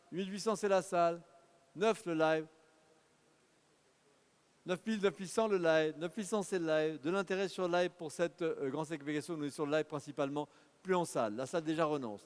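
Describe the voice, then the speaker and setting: A man working as an auctioneer, calling bids in a rhythmic, urging patter at a live car auction in an auction hall. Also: a little high. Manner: rapid rhythmic bid calling, urging bidders. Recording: long hall reverb.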